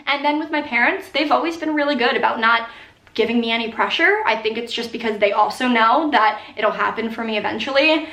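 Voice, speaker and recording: Early 20s girl doing a casual q&a, giggly animated storytelling, says like a lot, bright forward voice, echoey room. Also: fairly high pitch. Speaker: video host answering viewer questions.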